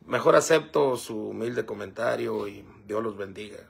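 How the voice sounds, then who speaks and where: Gravelly husky man chatting. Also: fairly low pitch, moderate pace. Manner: rambling, fillers like "este" and "¿verdad?". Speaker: livestream host reading comments. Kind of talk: casual livestream chat.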